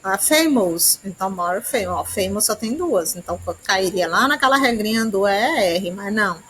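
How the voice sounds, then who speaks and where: A woman from Brazil explains English grammar to her students at a middling pitch. She walks through each rule step by step and keeps checking that the class is following. A faint hiss of noise sits under her voice. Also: animated, normal speed, fairly bright tone, low-quality recording. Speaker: English teacher.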